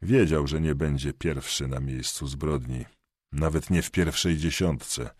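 A man narrating a thriller audiobook in a measured, expressive reading. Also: very deep voice, breathy edge, no echo, clean studio sound.

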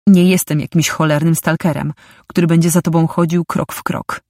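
Woman voicing a calm, persistent young man. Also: deep voice, normal speed, dry recording, clean studio sound. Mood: earnest. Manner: calm and sure. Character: young man, steady, tender, persistent lover.

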